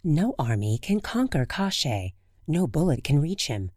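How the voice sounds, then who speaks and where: A woman voicing the sun as a wise, kindly spirit in a fairy tale, giving calm, steady counsel. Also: deep voice, measured pace, no room sound, clean studio sound, exaggerated voice. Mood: instructing.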